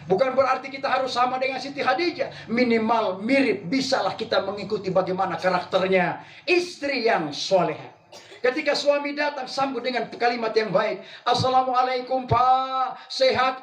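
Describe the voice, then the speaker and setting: A man's voice: very high voice, expressive, brisk, fairly bright tone. A man preaching a humorous sermon, teasing the women in his audience. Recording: echoey hall, distant mic.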